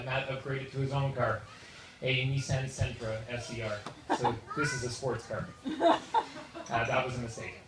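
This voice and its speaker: Echoey Canadian man giving a wedding toast. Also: mid-range voice. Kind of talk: wedding toast, humorous anecdotes and tribute. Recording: echoey noisy room, far from microphone. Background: loud audience noise and laughter.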